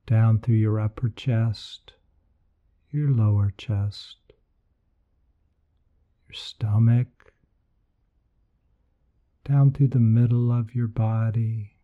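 A man leading a guided meditation in a soothing, gentle, unhurried manner that softens at times toward breathiness. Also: fairly low pitch, fairly even intonation, dull audio. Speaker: meditation podcast host.

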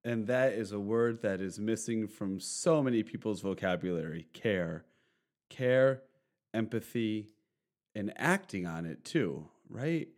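A man hosting an interview, asking questions and warmly thanking his guest. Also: on the low side, expressive, measured pace. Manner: encouraging, appreciative. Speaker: host.

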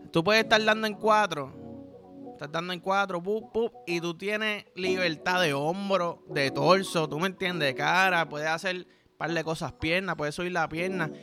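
A man's voice: on the high side, bright, forceful tone. A young adult man with a Puerto Rican accent hosting a podcast, talking in a crude, slangy comedic monologue full of vocal sound effects. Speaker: podcast host.

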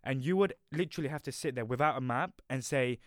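A man's voice: medium pitch, fast talker, fairly bright tone, dry recording, clean studio sound. Chatty young man. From London, United Kingdom. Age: young adult. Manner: chatty, rambling, self-correcting. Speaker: podcast co-host. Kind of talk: casual podcast chat.

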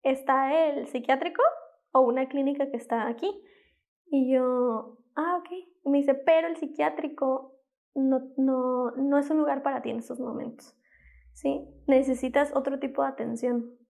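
A young woman gives a personal testimony as an interview guest. Her voice sits high, and she tells the story quickly. She acts out the quoted exchanges as she goes. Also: fairly even intonation, gravelly, darkish tone.

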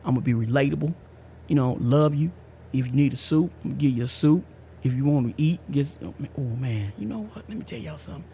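Quick-paced and mellow, with lively intonation in a mid-range voice, a man in his fifties hosts a podcast. He gives an emphatic, slangy personal testimony, repeating himself often, with a bit of hiss or hum behind him.

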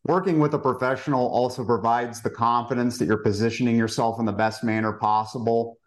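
Male podcast guest, financial advisor, average pitch, polished and measured delivery. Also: steady tone.

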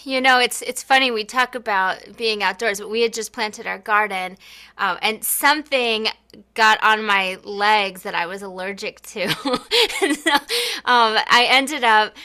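A woman's voice: medium pitch, lively intonation, a little slow, sharp tone. A woman co-hosting a podcast, chatting casually and laughing between phrases. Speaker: podcast co-host. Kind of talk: casual chat.

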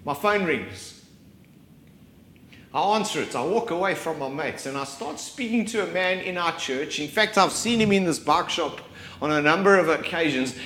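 A man preaching a sermon, his delivery rising and falling with dramatic pauses. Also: on the high side, a bit bright, echoey room. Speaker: pastor.

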